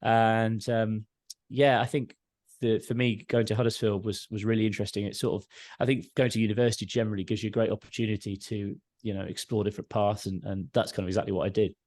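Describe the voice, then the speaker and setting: Low-pitched Home Counties man, chatting casually. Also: level tone, fast, darkish tone, no echo, studio quality. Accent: southern English, Home Counties. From Surrey, southern England. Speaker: podcast guest, tech and audio entrepreneur. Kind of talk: casual interview chat.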